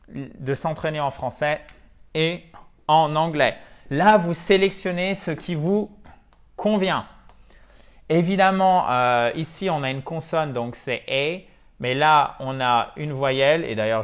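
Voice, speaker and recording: A man with a slightly high voice gives an English lesson in French. He explains patiently and breaks phrases down, slowing right down and lifting his voice whenever he says a model English sentence. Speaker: English teacher.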